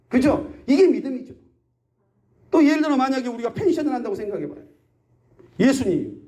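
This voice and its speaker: A man's voice: very high-pitched, a little mellow. A man preaching a sermon as pastor of a rural church, often asking the congregation questions. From South Korea.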